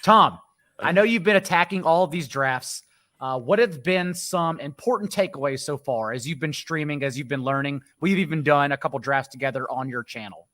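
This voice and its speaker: A man hosting a casual sports podcast livestream, joking and brisk. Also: fairly high pitch, a bit bright. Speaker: host.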